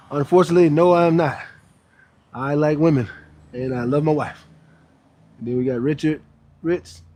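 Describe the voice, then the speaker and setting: A man with a fairly high pitch and a dark tone runs a live workout stream outdoors beneath a roof. Between rounds of pull-ups, the fitness trainer talks casually and forcefully to his viewers, repeating phrases for stress.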